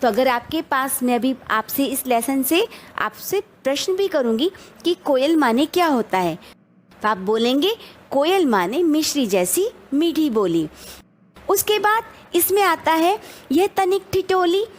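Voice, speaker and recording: A woman's voice: high voice, sing-song, measured pace. A woman teacher explaining a children's poem to young pupils, going over word meanings and asking viewers to answer questions in the comments.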